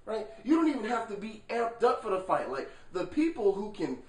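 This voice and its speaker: Animated, cussing man in an echoey room. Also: high-pitched, brisk. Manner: animated, rhetorical, swears freely, asks the viewer "right?". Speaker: vlogger. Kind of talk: casual vlog monologue. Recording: echoey room, far from the mic.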